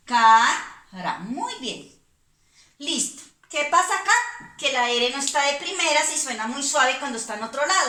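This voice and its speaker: Woman, colombian accent, preschool teacher, high voice, bright tone, drawn-out syllables. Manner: slow, drawn-out syllables, affectionate to small children. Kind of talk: children's phonics lesson. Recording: echoey room.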